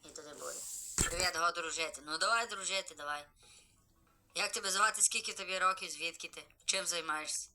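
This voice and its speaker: A man live-streaming a game, chatty and excited, greeting viewers as he plays. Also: sits high, fairly quick, low-quality recording.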